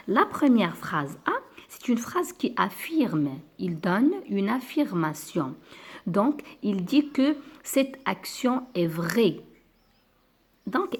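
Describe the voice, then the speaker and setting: A woman's voice: medium pitch, slightly rough. A woman teaching a grammar lesson to primary school children, patient and repeating key words.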